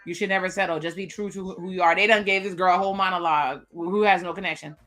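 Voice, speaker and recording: A woman with a lowish, steady, slightly bright voice talks fast while soft music plays behind her. Hosting a live reaction stream, she casually recaps what the dating show's cast members say and adds chatty asides.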